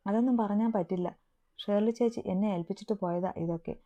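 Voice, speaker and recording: A woman's voice: mid-range voice, quick pace, dark tone, close to an everyday voice. A motherly household helper in a spoken story, pressing and insistent, as a woman reader puts her on. The sound is thin and tinny, like a phone call.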